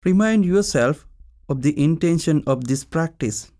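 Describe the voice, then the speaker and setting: This meditation teacher is a man whose voice sits on the high side. He leads the session with short, calm directions and lets long pauses hang between them.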